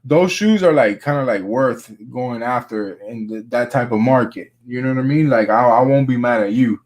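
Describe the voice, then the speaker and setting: A laid-back man from Miami, Florida talks sneakers in a casual chat, his medium-pitched voice slightly mellow at a moderate pace. As a sneaker vlogger, he leans on slang and says "bro" often.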